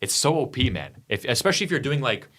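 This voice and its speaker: A man's voice: medium pitch, lively intonation, fast talker, pushed and bright. A young man co-hosting a casual podcast chat, rambling with many fillers and restarts. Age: young adult. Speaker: podcast co-host.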